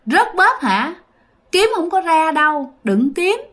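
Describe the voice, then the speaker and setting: Woman putting on a shrill, mocking ghost granny with a Northern Vietnamese accent, pitched well above her own voice, coaxing and repeating herself. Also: very animated, slow, a bit bright, full character voice. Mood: coaxing menace. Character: taunting ghostly old woman.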